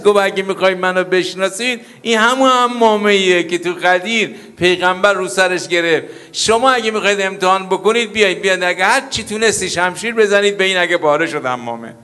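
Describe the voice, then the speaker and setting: A man preaching an ethics sermon as a cleric, telling stories with loud emphatic peaks and low murmurs. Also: big-room sound. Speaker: cleric giving an ethics lecture.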